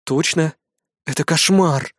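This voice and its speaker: A man's voice: on the high side, takes it slowly, fairly bright tone, dry recording, studio quality. A man voicing a distraught young woman. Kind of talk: audiobook reading.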